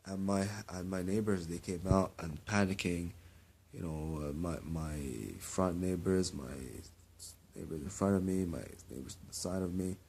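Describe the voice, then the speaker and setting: A young man from Kuwait in a rambling personal monologue, halting and restarting, often repeating his words. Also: low voice, darkish tone, slight background noise. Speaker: vlogger.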